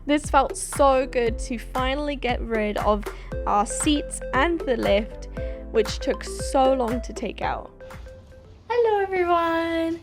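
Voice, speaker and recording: Chatty high-voiced woman vlogging. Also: takes it slowly, over music. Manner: chatty and upbeat, talking while doing hands-on work. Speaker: vlogger converting a bus. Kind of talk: casual vlog narration.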